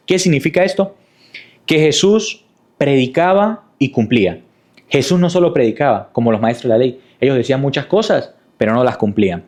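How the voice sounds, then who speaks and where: A man's voice: mid-range voice, a little mellow. Man preaching with rhetorical questions. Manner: didactic, with rhetorical questions and repetition. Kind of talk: sermon.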